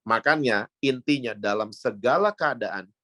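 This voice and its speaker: A middle-aged man with an Indonesian accent, preaching a sermon as a pastor and telling family stories, who mixes in English phrases and jumps up high when quoting others. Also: a little slow, pushed and bright, no room sound. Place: church sanctuary.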